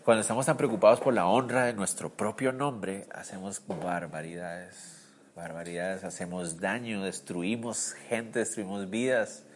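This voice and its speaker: A man preaching a sermon in a lively way, often asking the listeners questions and swinging from loud bursts to quiet, low lines. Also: unhurried, slight background noise. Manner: animated, swings from loud to soft; asks the listeners rhetorical questions.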